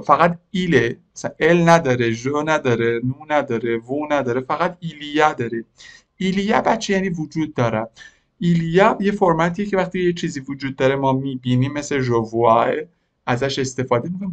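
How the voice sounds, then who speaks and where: A man teaching a French lesson, who repeats French phrases slowly word by word and asks his learners questions as he explains. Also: on the high side. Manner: addresses learners directly with questions. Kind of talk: language lesson.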